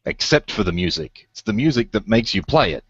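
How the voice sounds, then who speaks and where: Low-voiced man, dry lo-fi sound. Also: sing-song, fairly quick, slightly rough, no room sound. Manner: enthusiastic, rambling recommendations. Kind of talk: casual podcast chat.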